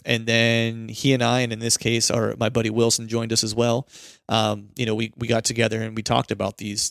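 A male podcast host with a lowish, gravelly voice chats casually and wanders through his sentences with a joking tone. The sound is close and dry. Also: no room sound. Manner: jokey, rambling, conversational.

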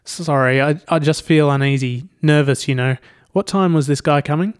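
A man's voice: on the high side, normal speed, clean tone, no room sound, clean studio sound, natural voice. A man voicing Dave, a nervous, rambling young scientist in a read-aloud story. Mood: uneasy. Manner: jittery, rambling.

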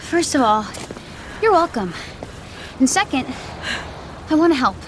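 A woman's voice: high voice, very animated, a little slow, a little hiss or hum. A young woman playing a stubborn, caring daughter in an audio drama, earnest and a little cheeky. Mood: bold, cheeky.

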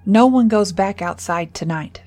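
A woman's voice: mid-range voice, unhurried, a little mellow, faint music behind, close to an everyday voice. A woman doing a stern farm father. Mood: firm.

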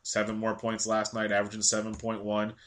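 Congested male host, low-ish voice, quick casual delivery of stats with a ranting streak. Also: completely flat delivery, fairly bright tone. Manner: quick stat-heavy delivery, ranting at times. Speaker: fantasy baseball analyst. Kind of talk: casual daily picks rundown.

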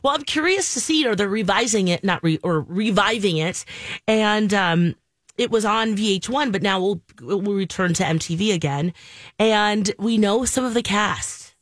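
A woman's voice: medium pitch, lively intonation, normal speed, dry recording, studio quality. A woman co-hosting a morning radio show in casual, chatty talk. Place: dry radio studio.

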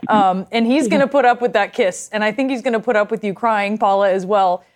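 A woman news anchor asking gentle, probing questions in a live interview. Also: mid-range voice, fairly quick.

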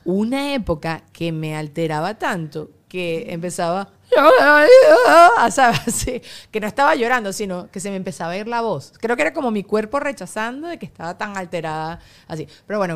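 A woman hosting a casual chat, animated and teasing, laughing often. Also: mid-range voice, a little fast, hardly any pauses. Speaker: podcast host.

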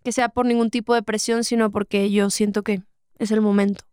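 A woman's voice: mid-range voice, little pitch movement, a little fast, a little mellow, clean tone, dry recording, clean studio sound. A young woman in her twenties from Monterrey with a Mexican accent, a guest talking thoughtfully in a casual interview, often saying "o sea" and "¿sabes?". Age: 20s. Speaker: guest, singer.

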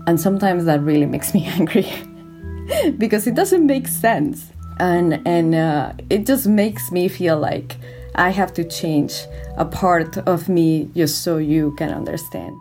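A woman with a notably deep voice tells an anecdote in an interview. She speaks quickly and expressively, with a touch of exasperation. Soft guitar music plays faintly underneath. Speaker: interviewee, scientist. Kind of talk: animated interview storytelling.

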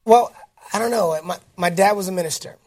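A man from Detroit, a guest actor telling his career story in a casual interview, animated and upbeat, with plenty of fillers and restarts. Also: sits high, fairly quick. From Detroit, United States.

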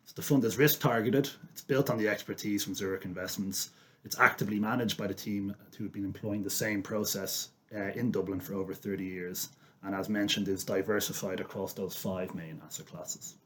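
A man giving measured, formal explanations as an investment expert on a finance podcast. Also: on the low side, fairly even intonation, a little hiss or hum.

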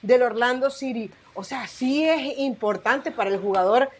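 A woman with a slightly high voice talks as a sports panelist. She cuts in apologetically, then makes her points briskly. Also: breathy edge. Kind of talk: sports talk show commentary.

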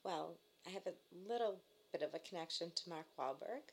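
Boston woman guest, lowish voice. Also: expressive, normal speed, slight background noise. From Lowell, Massachusetts, USA. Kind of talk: casual chat.

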